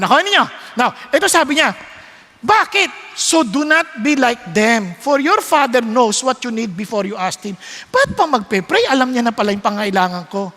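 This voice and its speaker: A man preaching a sermon, storytelling with lively switches between Tagalog and English and acting out voices. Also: very high voice. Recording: long hall reverb.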